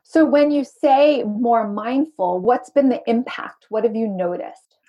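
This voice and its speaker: Speaking in a casual podcast conversation, this enthusiastic, earnest guest, a marketing coach from Zimbabwe, has a mostly American accent lightly tinged with Zimbabwean and South African sounds. Her mellow voice is on the high side at a measured pace, with the highs cut off.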